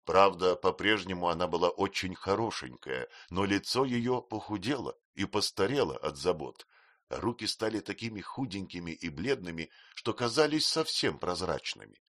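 A man narrating an audiobook with an expressive, animated reading. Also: deep voice, normal speed, dry recording, clean studio sound.

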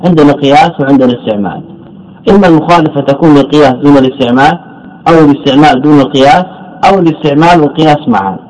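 A man's voice: fairly high pitch, very fast, darkish tone, low-quality recording. A man teaching as a sheikh in a lecture, asking the class questions, answering them himself and repeating key words. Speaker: sheikh teaching Arabic morphology. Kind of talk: classroom lecture, explaining a text.

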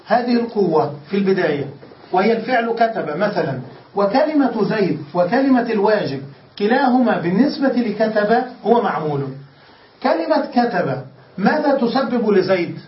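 A man teaching a grammar lesson in a classroom style, asking questions and answering them himself. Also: high-pitched. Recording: echoey, distant, dull lecture recording with faint hiss.

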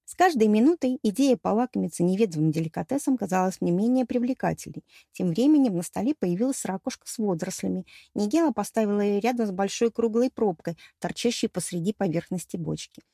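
A woman reads a fantasy novel aloud in the first person, with a wry, storytelling delivery. Her voice is warm and mellow, and it sits at a middle pitch. The sound is dry and close to the mic. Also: expressive, quick pace, vocal fry, no echo. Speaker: audiobook narrator. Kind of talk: scripted first-person narration.

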